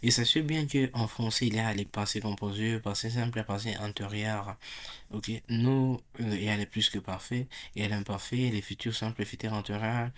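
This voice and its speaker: A man teaching an English grammar lesson in French, repeating drill phrases slowly and loudly, with many fillers and restarts. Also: fairly low pitch, steady tone.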